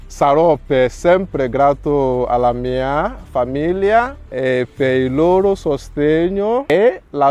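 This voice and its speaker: Man, priest, 30s, slightly high voice, very slow, earnest testimony. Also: darkish tone. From Nigeria. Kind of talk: reading a prepared testimony.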